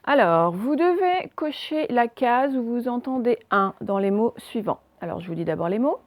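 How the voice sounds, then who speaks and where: A woman teaching a recorded phonics lesson to young pupils, slowly and carefully pronouncing example words. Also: on the high side, animated, no echo. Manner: slow, carefully articulated words for dictation. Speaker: primary school teacher.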